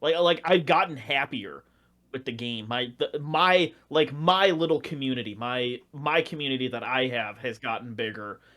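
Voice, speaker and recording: A man's voice: mid-range voice, normal speed, bright, forceful tone. A young man chatting as a podcast guest, rambling with many likes and restarts. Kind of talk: casual chat.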